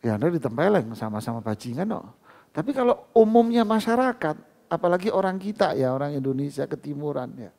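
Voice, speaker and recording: A man's voice: a little high, sing-song, fairly quick, a little mellow. A man giving a casual Quran lesson in a mosque, talking conversationally and acting out little dialogues with his listeners. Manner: conversational, acts out dialogues, laughs often.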